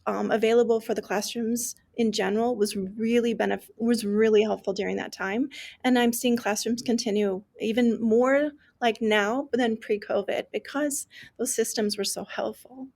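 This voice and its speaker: A woman appears as a guest expert on deaf education in a conversational interview podcast. Her voice is a little high, creaky, and darkish, with fairly even intonation at normal speed. She explains things earnestly, restarting often and filling her speech with lots of "like" and "um".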